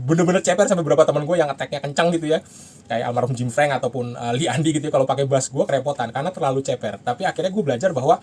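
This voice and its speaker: A man teaching about bass guitars in a casual, chatty way, with many fillers. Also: darkish tone, slightly rough. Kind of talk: casual instructional talk.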